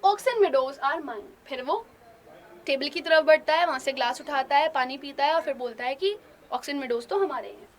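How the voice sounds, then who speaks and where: A woman's voice: high voice, a little fast. A woman English teacher explaining a play, line by line, in simple Hindi for students. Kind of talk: bilingual classroom story explanation.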